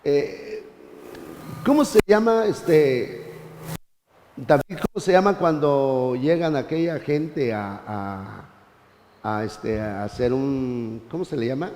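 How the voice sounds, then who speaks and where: Man, Bible teacher, high lively voice, church lesson, reverberant hall. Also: slow pace, slight background noise. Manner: animated, keeps addressing listeners as brother.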